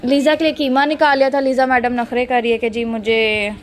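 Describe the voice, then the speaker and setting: A woman's voice: a little high, flat delivery, a little fast, slight background noise. Chatty young woman vlogging. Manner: chatty, scolding and teasing. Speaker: family vlogger. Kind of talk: casual vlog chat. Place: home and rooftop, outdoors at times.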